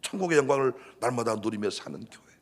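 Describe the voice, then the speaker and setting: A middle-aged man, a pastor preaching a sermon, swinging from hushed talk to shouting. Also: mid-range voice, lively intonation, quick pace.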